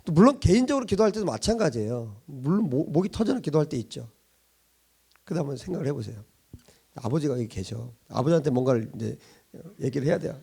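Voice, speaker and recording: Husky, lively-voiced man preaching. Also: medium pitch, quick pace. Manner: conversational, animated, chuckling, many rhetorical questions. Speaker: pastor. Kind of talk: sermon.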